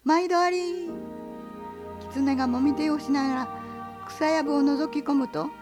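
A woman reading a picture book aloud as a guest reader, gentle and unhurried. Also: sits high, steady tone, music in the background.

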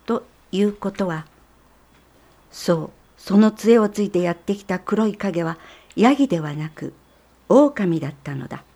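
Woman, storybook narrator, calm, mellow, warm tone. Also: medium pitch, measured pace.

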